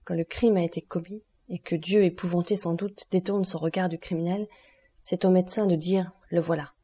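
A woman reading the part of a stern, relentless male doctor, solemn and accusing in a measured way. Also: lowish voice, steady tone, dark tone, slightly rough.

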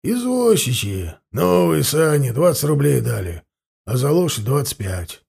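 A blustering, hot-tempered peasant robber from an audiobook, as a male reader puts him on, his gravelly voice lurching up and down as he protests. the timbre stays husky and dark even when he shouts back. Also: a little high, unhurried, full character voice. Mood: confessing. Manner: blustering, indignant.

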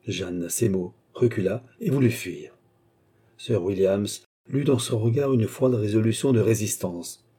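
A man narrating a novel as an audiobook, reading in a measured, dramatic way. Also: lowish voice, mellow, slightly rough.

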